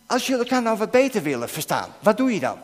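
Lively high-voiced man preaching to kids. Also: quick pace. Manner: animated, coaxing questions to children, bursts into shouting. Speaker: preacher leading a children's talk. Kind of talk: interactive object lesson with children. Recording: long hall reverb.

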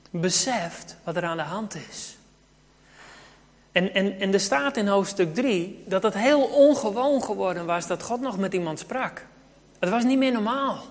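A preacher with a mid-pitched voice tells a sermon as a story, addressing the children in the congregation as well as the adults. The long reverb of a church hall rings around the speech.

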